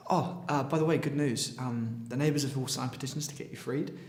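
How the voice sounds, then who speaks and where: A man's voice: medium pitch, fairly even intonation, brisk, darkish tone, slight background noise, lightly acted. An actor playing a devoted young adult son, earnest and pleading as he talks to his mother. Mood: hopeful. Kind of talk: drama acting. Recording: echoey room.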